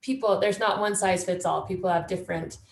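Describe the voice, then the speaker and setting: A woman's voice: mid-range voice, fairly even intonation, fairly quick, gravelly, echoey room, rough recording. A woman fitness instructor speaking hesitantly, with many fillers, in a casual interview.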